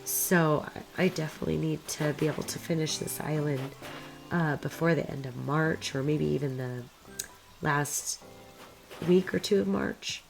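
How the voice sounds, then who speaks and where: A woman with a raspy, hoarse smoker's voice, worn from being sick, giving casual, rambling gameplay commentary in an informal way. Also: low-pitched, moderate pace, music in the background, poor audio. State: hoarse from a recent illness. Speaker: video creator narrating game footage.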